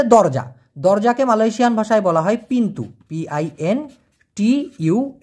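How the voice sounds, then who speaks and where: A language teacher, explaining vocabulary over pictures and checking understanding with quick questions. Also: medium pitch, darkish tone. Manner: repeats each word and checks with quick questions.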